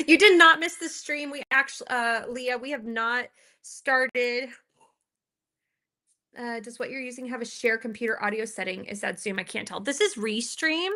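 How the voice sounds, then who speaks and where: This is a woman hosting a live reaction stream from home, speaking into her laptop's built-in microphone. Her voice is bright and sits a little high, and she stays chatty and giggly, talking to her viewers as if they were old friends. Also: a little slow. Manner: chatty, giggly, talks to her viewers while fixing her audio. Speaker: livestream host reacting to videos. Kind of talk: casual live-stream chat.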